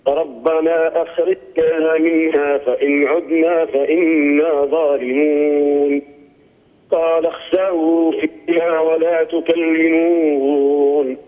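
A man's voice: a little high, little pitch movement, slow, in a large hall. Man reciting Quran over a tinny phone line. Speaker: student reciter. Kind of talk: slow melodic Quran recitation.

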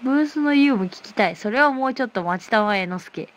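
A woman's voice: a little high, animated, quick pace. A woman hosting a casual livestream from her phone, reading viewer comments aloud and answering with playful, teasing replies. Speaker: livestream host.

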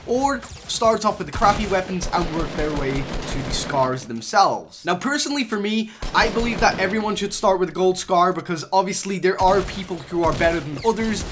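Over a noisy background, a young gaming YouTuber with a high-pitched voice rambles casually through game news for his channel, often using fillers and restarting his sentences.

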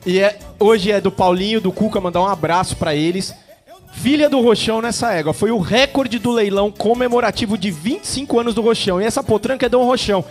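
A man's voice: high voice, a little fast. A Brazilian man giving live sales commentary at an auction, emphatic and building his points in repeated phrases. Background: music.

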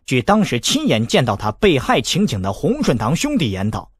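A man narrating a novel as an audiobook, with expressive storytelling. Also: medium pitch, moderate pace, breathy edge, dry recording, studio quality. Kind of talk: novel reading.

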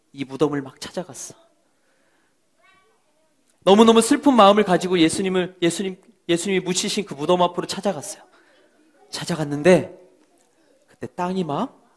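A man serving as children's pastor, telling a Bible story to children in an animated way and asking them questions. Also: fairly high pitch. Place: church.

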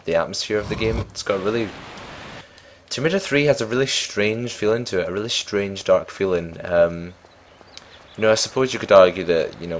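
A young let's play gamer comments on the game he's playing in a chatty, meandering way, frequently laughing at his own mistakes. His voice is low, and the relaxed home recording has a faint hiss underneath.

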